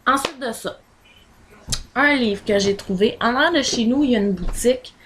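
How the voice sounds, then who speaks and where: A woman from Quebec with a Québécois French accent chats in a casual home vlog recommending books, rambling with many fillers as she holds items up to the camera. Her voice is a little high at a moderate pace, with background noise.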